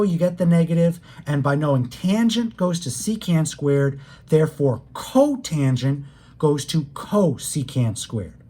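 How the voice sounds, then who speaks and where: In a recorded calculus lecture, a math teacher with a warm, mellow, mid-range voice addresses students directly and conversationally. Each step gets a patient explanation, with key words stressed so they stick.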